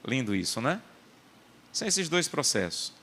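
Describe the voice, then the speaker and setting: A man's voice: medium pitch, sing-song, normal speed, vocal fry, fairly bright tone. A male pastor delivering a sermon, emphatic and repetitive, mixing personal anecdotes with scripture teaching.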